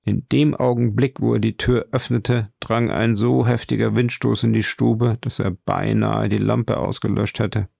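A man narrating an audiobook in a measured, dramatic way. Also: lowish voice, little pitch movement, gravelly, a little mellow, dry recording, clean studio sound.

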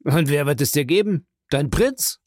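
A man's voice: on the high side, animated, normal speed, darkish tone, dry recording, studio quality, pitched above the performer's own voice. A man voicing a sly greedy ex-convict. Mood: scheming. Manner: sly, needling, wheedling. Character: greedy scheming middle-aged male ex-convict, mocking.

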